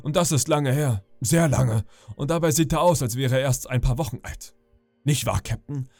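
A man's voice: medium pitch, normal speed, darkish tone, dry recording, faint music behind, lightly acted. A man voicing a friendly, talkative old ship's cook in a sleep audiobook, genial and boastful. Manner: genial, chatty, boastful storyteller. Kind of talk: audiobook character reading.

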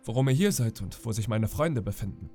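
A young ship's boy speaks up boldly to his captors, as a male reader voices him. The voice stays gravelly and close to the reader's own. It sounds spirited and stubborn. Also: fairly low pitch, lively intonation, brisk, warm tone, soft background music. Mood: defiant. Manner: trembling then bold and heated. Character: frightened but defiant young ship's boy.

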